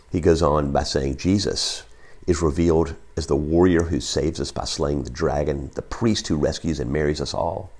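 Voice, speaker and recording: Croaky low-voiced male preacher. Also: a little mellow. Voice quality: croaky, froggy voice. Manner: repeats words, reads excerpts aloud. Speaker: pastor. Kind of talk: sermon.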